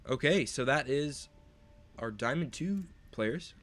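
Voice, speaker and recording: A man's voice: mid-range voice, animated, slow, a bit bright, no room sound. A young man giving play-by-play commentary on a strategy game, speculating on each move as it happens. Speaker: esports caster.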